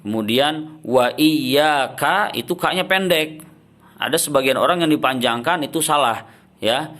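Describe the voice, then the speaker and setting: A man teaching Quran recitation, explaining common mistakes and then chanting verses in a slow, drawn-out way. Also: fairly high pitch, animated. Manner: ends points with soft drops "ya", "nah".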